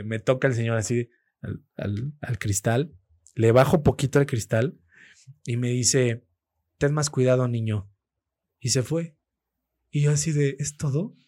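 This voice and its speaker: A man with a Mexican Spanish accent, a radio producer and host, telling lively anecdotes in casual slangy chat with many fillers. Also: mid-range voice, normal speed, no echo. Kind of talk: casual podcast chat, storytelling.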